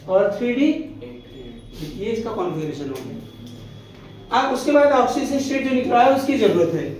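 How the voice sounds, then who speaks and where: A male chemistry teacher with a very high-pitched, somewhat dark voice lectures in an echoey classroom. He poses questions to his students and answers them himself, fondly addressing them as "beta."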